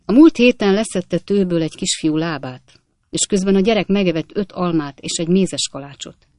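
Flippant young male medic, boastful, lively delivery, a woman reading, dry sound. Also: fairly low pitch, dry recording, lightly acted. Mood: breezy boastful. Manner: breezy, animated, relishing gruesome stories.

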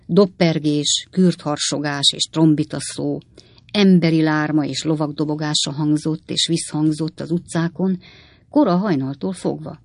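A narrator reading a classic novel aloud in a measured, unhurried way. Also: medium pitch, fairly even intonation, no echo. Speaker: audiobook narrator. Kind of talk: scripted literary narration.

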